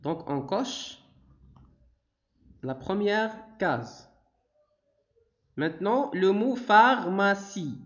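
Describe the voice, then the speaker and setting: A male teacher with a Moroccan accent speaks in a high, bouncing voice, stretching every word very slowly. He guides young children through a phonics lesson and keeps praising them. The sound is dull and lo-fi. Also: lively intonation, a bit bright. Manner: drawn-out, sing-song delivery with frequent praise. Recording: dull, lo-fi recording.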